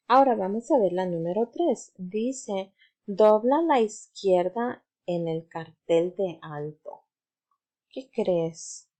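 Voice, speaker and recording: Slow, patient woman teacher. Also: mid-range voice, dark tone. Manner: patient, asks pupils to repeat words after her. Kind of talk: slow, deliberate grammar lesson for children.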